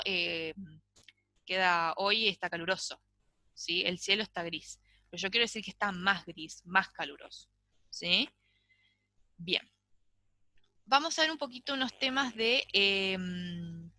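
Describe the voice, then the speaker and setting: A woman teaches a recorded English class, walking through each rule patiently and pausing to ask "¿sí?" after every point. Her voice is bright and clear, and the recording is dry, with no room echo. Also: mid-range voice. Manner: explains step by step, checks in with a frequent "¿sí?".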